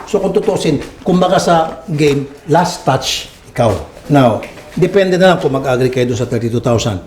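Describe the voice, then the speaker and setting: A man's voice: medium pitch, expressive, normal speed, a little mellow, reverberant, slight background noise. A man hosting a public service show, firmly mediating a dispute and mixing English phrases into his talk. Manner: firm, reasoning, mixes English into Tagalog.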